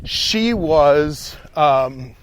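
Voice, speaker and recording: A man's voice: on the high side, animated, very slow, a little hiss or hum. A man hosting a podcast while on a hike, thinking aloud with frequent restarts and tag questions. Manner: musing, lots of restarts and fillers, frequent "right?". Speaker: podcast host. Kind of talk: casual chat on a hike. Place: outdoors on a hiking trail.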